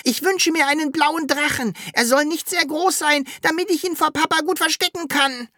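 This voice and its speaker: Storybook role: narrator putting on a high, excitable childlike creature, dry close sound. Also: normal speed, no room sound. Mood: eager. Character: cheeky childlike wish-granting creature.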